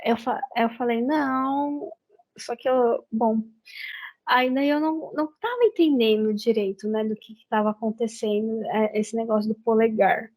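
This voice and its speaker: A woman's voice: a little high, moderate pace, darkish tone, poor audio. A woman with a Brazilian Portuguese accent retelling a novel's plot in a casual, rambling book review, full of fillers and restarts.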